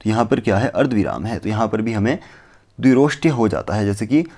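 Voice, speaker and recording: A male teacher gives a patient, step-by-step lecture. He poses questions to himself and answers them, repeating key terms. When he quotes verses, he slows down and recites them carefully. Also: on the low side, animated, a little mellow. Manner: recites Sanskrit verses slowly. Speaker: Sanskrit teacher. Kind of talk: explanatory lecture on phonetics.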